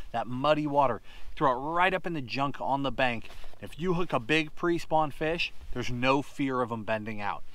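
A man in his thirties talks gear straight to the camera from a boat on a wide lake. He sounds practical and keen, and he moves quickly from one tip to the next as he handles each rod. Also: mid-range voice, fairly bright tone. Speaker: fishing show host. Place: on a boat on an open lake outdoors.

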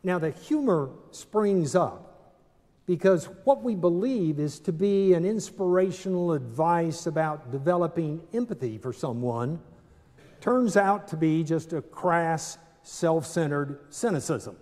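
An older man preaching a sermon from a pulpit in a large stone church, measured and deliberate with dramatic pauses. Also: a little high, expressive, darkish tone. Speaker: pastor. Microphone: pulpit microphone, far camera. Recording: long church reverb.

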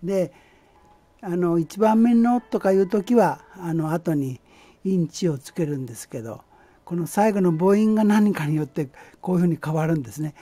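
Man, amateur teacher, mellow tone, halting and patient, faint music behind. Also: high-pitched, no room sound. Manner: patient, halting explanation with many fillers. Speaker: language teacher. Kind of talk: amateur language lesson.

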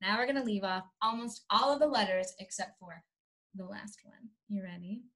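Loud music plays behind this young woman as she instructs small children with simple, encouraging phrases she repeats. Her voice is mid-range at normal speed, recorded on a device mic a bit away from her while she sits on the floor of a small room.

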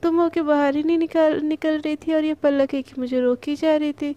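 A woman's voice: high voice, little pitch movement, normal speed, warm tone, lo-fi sound, lightly acted. A woman voicing an insistent, talkative young neighbor woman in an audio love story. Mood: pushy. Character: pushy chatty young neighbor woman Manya.

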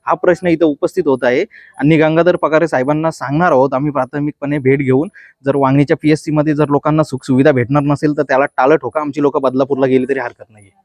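A local party activist speaking to reporters, indignant and firing rhetorical questions. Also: male voice, a little high, a little mellow, no room sound, clean studio sound. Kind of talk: impassioned statement to press.

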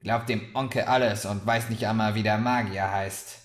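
A man voicing a grumpy, sharp-tongued female tavern maid who snaps and scoffs. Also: on the low side, fairly even intonation, normal speed, natural voice. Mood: scornful. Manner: snapping, scornful. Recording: roomy echoey recording.

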